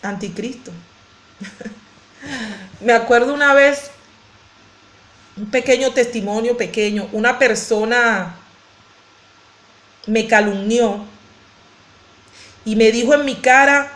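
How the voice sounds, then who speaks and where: A woman's voice: a little high, takes it slowly, pauses often, a bit bright. Fervent woman pastor, echoey room. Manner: fervent, repeats phrases and restarts words. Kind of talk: sermon.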